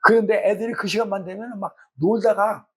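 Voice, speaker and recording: A man's voice: sits high, steady tone, fairly quick, breathy edge. A middle-aged man, a pastor teaching a Bible study in a colloquial way, acting out the voices he quotes.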